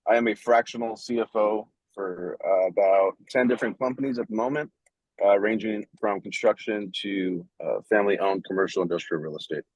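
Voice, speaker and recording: A man calling into a video meeting from his car while driving, introducing himself as a fractional CFO in a loud, businesslike way with some filler pauses. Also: fairly low pitch, no echo, poor audio. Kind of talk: brief self-introduction on a video call.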